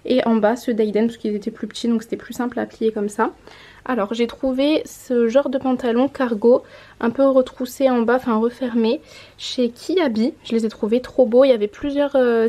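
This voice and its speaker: Filming a relaxed haul vlog in a home room by a window, a mom vlogger in her twenties shows clothes to the camera and corrects herself as she goes. Her slightly high, mellow voice has fairly even intonation and runs a little fast.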